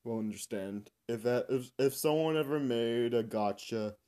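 A man voicing a male animatronic rabbit who reacts to comedy clips, speaking slowly and ruefully about being springlocked. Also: mid-range voice, dark tone, close to an everyday voice. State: complaining of pain from springlock. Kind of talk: fan reaction voice acting.

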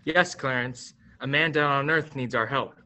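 A man's voice: mid-range voice, moderate pace, bright, forceful tone. A teenage boy playing an authoritative, businesslike senior angel in a staged radio play. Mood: calm, instructive.

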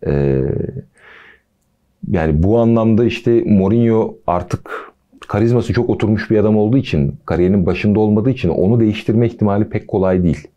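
A man hosting a football podcast, talking casually with a relaxed, chatty manner and jokey asides. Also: lowish voice, a little fast, dull audio.

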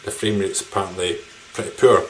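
A low-voiced man, a video game collector vlogger, chats casually to camera while showing off his game pickups in a small indoor living room. His delivery is brisk with fairly even intonation, rambling, informal and mildly sweary. The recording carries background noise and room ambience.

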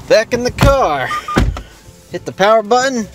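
Over music, a man with a high, sing-song voice talks at a measured pace. He's a vlogger casually narrating a road trip from his car on the highway, upbeat and chatty, thinking aloud with fillers.

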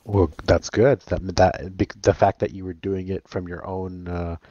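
A man's voice: sits low, flat delivery, unhurried, mellow, dull audio. A man in casual argumentative chat, blunt, crude and dismissive, often repeating himself.

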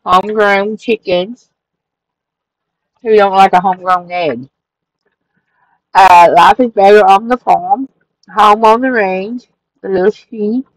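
Slow and medium-pitched, pausing often, a middle-aged crafting channel host narrates a flip-through of her handmade journal at her craft-room table. She's easygoing and rambling, full of fillers and self-corrections, and the audio is poor with no echo.

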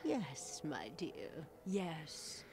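A woman playing a sly, cryptic fortune teller in a video game, speaking in a hushed, dramatic, breathy voice. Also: low-pitched, wildly swooping pitch, drawn-out words, noisy background, heavily acted. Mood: mysterious. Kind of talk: video game character acting.

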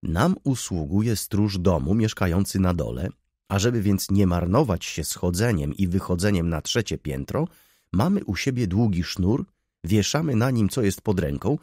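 A man's voice: sits low, very animated, normal speed, warm tone, dry recording, studio quality, full character voice. A man voicing a cheeky young male student who speaks with suave, mock courtesy. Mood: mock-polite.

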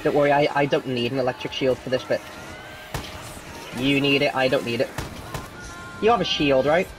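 A young man chatting casually while playing a co-op game, swearing often and calling out quick directions. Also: mid-range voice, over music. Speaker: gamer. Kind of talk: casual gaming chat.

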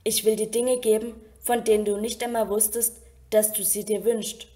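A woman voicing an earnest, tender young prince in a storybook reading, with a soft delivery. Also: on the high side, flat delivery, moderate pace, natural voice. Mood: intimate.

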